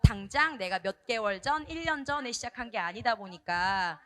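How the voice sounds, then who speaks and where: A woman catechist with a hoarse voice from a cold, earnestly sharing her reflections at a church teacher training session. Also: a little high, normal speed. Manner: earnest, loud, lively, with acted scolding. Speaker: Sunday school catechist.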